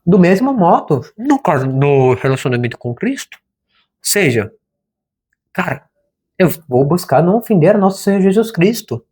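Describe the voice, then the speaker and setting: A man's voice: high-pitched, big pitch swings, moderate pace, darkish tone. A man talks straight to the camera about faith in a loose, chatty way. He leans on slang and keeps dropping "cara" as he goes. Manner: informal and conversational, slangy, says "cara" often. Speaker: therapist and channel host. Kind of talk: casual spiritual talk to camera.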